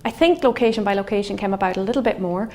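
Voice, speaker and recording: A middle-aged woman from Galway with a west of Ireland accent, a scientist giving an explanatory lecture in a thoughtful, halting, semi-conversational way. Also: medium pitch. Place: indoor wood-panelled lecture room. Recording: faint steady room noise.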